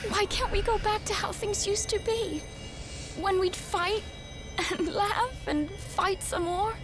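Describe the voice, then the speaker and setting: High, slow young thief sister. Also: female voice, fairly even intonation. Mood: pleading. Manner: pleading and desperate. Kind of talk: video game voice acting. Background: game music.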